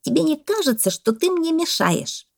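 A woman voicing a pompous male parrot who lectures loudly and exclaims often. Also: high voice, big pitch swings, normal speed, vocal fry, voice pushed up, heavily acted. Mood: lecturing.

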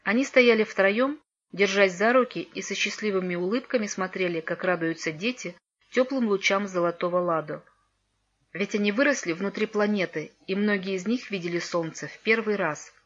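Calm woman reading a fairy tale. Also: mid-range voice, moderate pace. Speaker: narrator. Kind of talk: storybook reading. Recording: dull lo-fi recording.

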